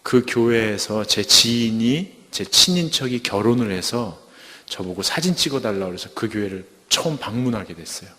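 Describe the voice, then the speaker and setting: A man's voice: on the low side, moderate pace. Man telling a story in a church hall. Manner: lively storytelling, acting out quoted shouts. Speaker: church youth minister giving testimony. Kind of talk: storytelling sermon. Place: church service.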